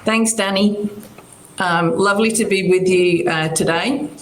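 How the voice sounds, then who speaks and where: A woman archive director giving a conference presentation remotely, speaking in a measured, formal way. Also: lowish voice, fairly even intonation. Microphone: remote video call. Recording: echoey remote feed.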